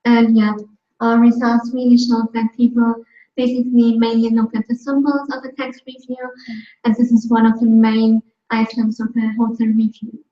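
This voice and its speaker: A young woman from Austria, a student, giving a steady, matter-of-fact summary of research results. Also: on the high side, moderate pace. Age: young adult. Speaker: master's student presenting research. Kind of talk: conference video hangout talk. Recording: distant mic in echoey room, lo-fi.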